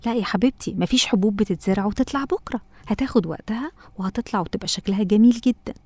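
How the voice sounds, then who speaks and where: A woman with an Egyptian accent voicing a loving, patient mother in a cartoon, talking gently and coaxingly. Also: mid-range voice, rapid-fire, no room sound, lightly acted. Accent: Egyptian Arabic. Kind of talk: cartoon voice acting.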